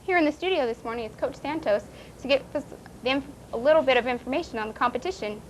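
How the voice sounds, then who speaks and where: A young woman anchoring a school news show, reading briskly and interviewing a guest. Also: sits high, a little hiss or hum, low-quality recording. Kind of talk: studio interview.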